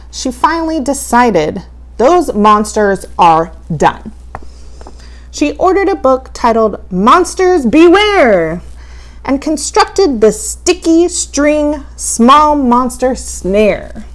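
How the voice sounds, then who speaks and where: Slow, theatrical woman horror host telling stories. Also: high-pitched, very animated. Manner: dramatic, playfully spooky, drawn-out delivery. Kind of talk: theatrical storybook narration in a campy horror host manner.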